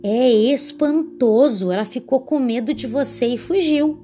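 A woman's voice: high-pitched, very animated, faint music behind, pitched above the performer's own voice. A woman voicing a big, hungry storybook monster who is easily astonished. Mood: amazed. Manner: astonished, slow and wondering.

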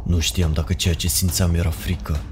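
A man with a deep, low voice reads a horror story in the first person. His delivery is measured and ominous. Music plays clearly underneath. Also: level tone, a little mellow. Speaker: narrator.

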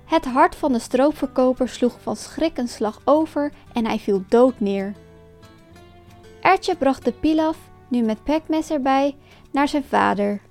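A woman narrating a folk tale in a calm, expressive storytelling manner. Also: sits high, unhurried, faint music behind.

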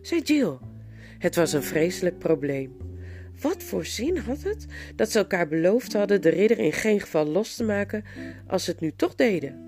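A woman narrating a storybook in an expressive, lively reading. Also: lowish voice, normal speed, soft background music. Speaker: audiobook narrator.

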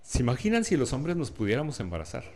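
A male preacher, talking to his congregation in a relaxed, chatty way. He keeps asking rhetorical questions and slips jokes in among the teaching. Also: mid-range voice, fast. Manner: conversational, asks the listeners rhetorical questions; jokes with the audience. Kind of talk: sermon.

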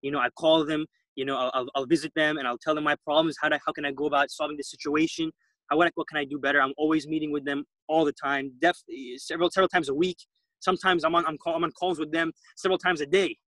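A man talks fast and emphatically in an interview, often repeating words as he drives a point home. His voice sits a little high for a man. The sound is dry and close. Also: flat delivery, fairly bright tone, dry recording, low-quality recording. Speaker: guest entrepreneur. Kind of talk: interview answers.

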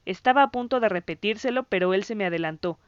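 A woman narrating a story in the first person, in an even, measured reading. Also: medium pitch, smooth, no echo, dull audio. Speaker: audiobook narrator.

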